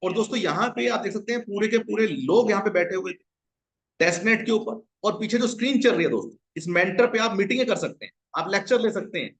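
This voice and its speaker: A man giving a hyped, salesy screen-share pitch for an online business, constantly calling out to his viewers as friends. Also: lively intonation, quick pace.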